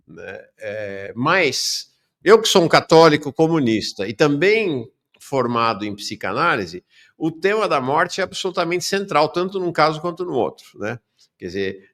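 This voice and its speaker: A man's voice: on the high side, vocal fry, fairly bright tone. A Brazilian man hosting a live talk show, chatty as he reads viewer comments. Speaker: host.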